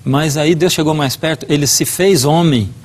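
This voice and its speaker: A man's voice: a little high, normal speed. A middle-aged man, a guest preacher, giving a devotional talk and telling a personal story earnestly, acting out the dialogue.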